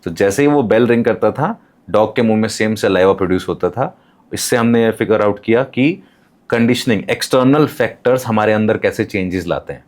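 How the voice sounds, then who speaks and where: Low-voiced man explaining on a podcast. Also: brisk, darkish tone. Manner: explains with examples and English terms. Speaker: podcast guest.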